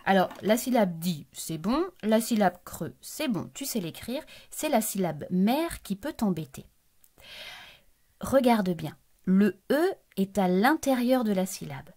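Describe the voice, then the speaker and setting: A woman's voice: mid-range voice, big pitch swings, unhurried, warm tone. A woman teacher giving a recorded lesson to young children, patiently breaking words into syllables and speaking to the child directly. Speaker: primary school teacher.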